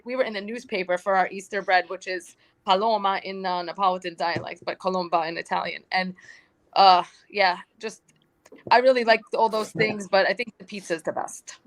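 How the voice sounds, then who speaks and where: Young woman from New York, lively storyteller, casual podcast roundtable guest. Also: mid-range voice, normal speed. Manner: chatty, animated storytelling with quoted asides.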